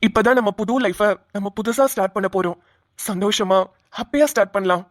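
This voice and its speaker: A woman's voice: medium pitch, a little fast, dry recording, studio quality, close to an everyday voice. A woman voicing an earnest young husband in a cartoon, who reassures his bride and defies his father. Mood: reassuring. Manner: reassuring, then defiant. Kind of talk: cartoon voice acting.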